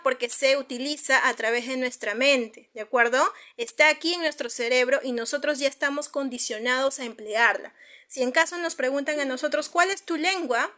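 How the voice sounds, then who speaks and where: Peruvian woman teacher, high bright voice, patient, keeps asking the kids if they follow. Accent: Peruvian Spanish. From Peru. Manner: patient, addresses students directly with frequent tag questions. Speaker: secondary school teacher. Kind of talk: recorded online class explaining slides.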